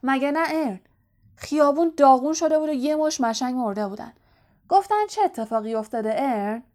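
A woman voicing Stan, an excitable, gossipy young male bus conductor who keeps asking for agreement. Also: high voice, pitched above the performer's own voice, close to an everyday voice.

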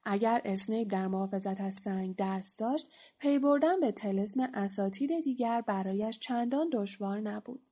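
A woman narrating a storybook as an audiobook reader, with a steady, even reading. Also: medium pitch.

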